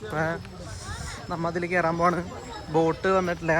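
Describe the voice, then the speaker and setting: A man's voice: a little high, completely flat delivery, fairly quick, a crowd in the background. A man with a Malayali accent giving casual travel vlog commentary, dropping English words into his Malayalam. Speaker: travel vlogger.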